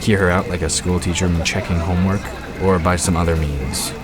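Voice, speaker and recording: Backed by clearly audible music, a man with an exceptionally low voice narrates a fantasy audio drama, reading scripted prose as the story's narrator. His delivery is brisk, with fairly even intonation.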